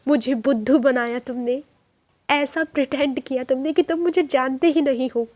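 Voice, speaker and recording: A woman's voice: high voice, steady tone, moderate pace, a little mellow, no room sound, natural voice. A woman voicing a hurt, angry young man who bitterly accuses the friend who deceived him, mixing in English phrases. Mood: hurt, accusing.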